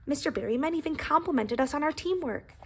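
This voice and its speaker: A woman reads a children's storybook expressively, voicing a humble, anxious, earnest young pie that tells its own story with dramatic emphasis. Her voice is high and lively, and she speaks quickly. The mood is reflective yet upbeat, with a little hiss or hum in the background.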